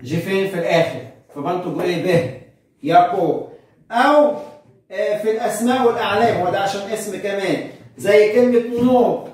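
High-voiced Egyptian man, echoing from afar. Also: darkish tone. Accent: Egyptian Arabic. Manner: asks questions and answers them himself; spells words out slowly, syllable by syllable. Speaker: monk priest teaching Coptic. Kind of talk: beginner language lesson. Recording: very echoey room, far from the mic.

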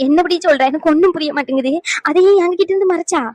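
A woman voicing an anxious, scolding old grandmother in a cartoon family drama, who talks in rapid, scolding chatter. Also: very high voice, a little mellow, no echo. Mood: alarmed.

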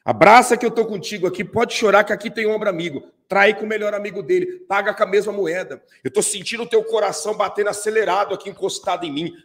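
A man's voice: high-pitched, quick pace, few pauses, fairly bright tone, big-room sound. A man doing a scheming, coaxing female friend. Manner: coaxing, insistent.

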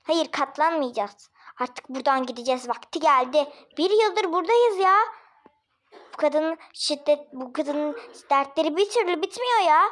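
A woman's voice: high-pitched, lively intonation, moderate pace, fairly bright tone. A woman voicing an angry, protective father in a homemade family drama, talking in urgent, commanding bursts.

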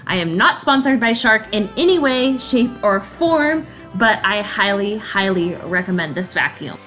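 A woman's voice: medium pitch, big pitch swings, measured pace, bright, forceful tone. A woman in her thirties narrating a cleaning vlog in a chatty, enthusiastic voice-over, laughing now and then. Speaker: cleaning vlogger. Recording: faint background music.

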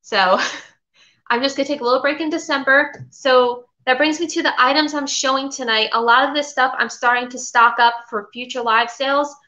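Her voice is high, bright and forceful, with fairly even intonation and a moderate pace. She's a middle-aged vintage seller from Florida running a live haul from her kitchen, rambling and reading out comments, captured by a desk webcam with slightly dull lo-fi sound.

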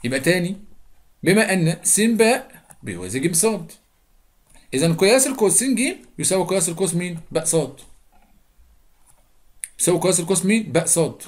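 A man's voice: high voice, lively intonation, a little fast, pauses often. A young man with an Egyptian Arabic accent teaching a geometry lesson, chatty, repeating steps and quizzing his students. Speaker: math teacher.

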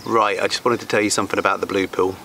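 Speaking at a racing clip, a man in a lowish, flat, pushed and bright voice films himself fishing on a wooded lake bank. His casual vlog chatter is backed by the sounds of nature around him.

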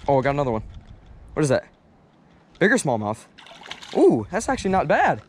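A young man chatting excitedly while fishing on a rocky riverbank, talking to each fish as he unhooks it, recorded on a head-mounted camera outdoors. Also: a little high, brisk, slight background noise. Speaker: fishing vlogger. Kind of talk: casual fishing vlog commentary. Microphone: head-mounted action camera.

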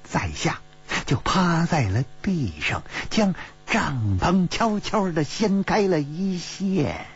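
An eager, earnest young swordsman with a lifted, lively voice, as a male storyteller puts him on. He talks quickly and excitedly, on a dull, husky recording. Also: fairly high pitch, faint music behind, voice pushed up, full character voice. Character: earnest male thief-hero reporting his scouting.

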